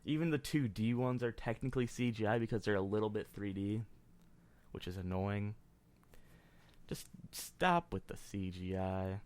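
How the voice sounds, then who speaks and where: A podcast host rambles through a casual show, restarting and interrupting himself a lot as he reads out movie ratings. His voice is fairly low and darkish, with a steady tone and moderate pace.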